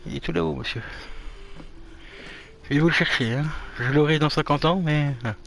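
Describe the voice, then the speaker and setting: A man's voice: fairly high pitch, moderate pace, vocal fry, fairly bright tone, a little hiss or hum. A swearing, muttering man streaming a game. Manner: mutters to himself, swears often. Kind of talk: casual gaming commentary.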